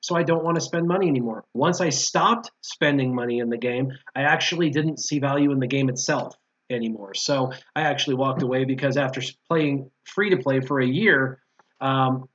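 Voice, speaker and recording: A guest on a gaming discussion, a former mobile game player, talks casually and with strong opinions, repeating points for emphasis. His voice is mid-range and a bit bright, heard through dull lo-fi audio.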